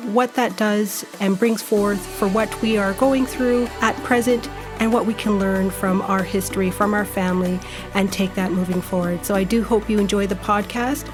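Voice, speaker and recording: A woman hosting an interview podcast, with hesitant, thankful phrasing. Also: medium pitch. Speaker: podcast host.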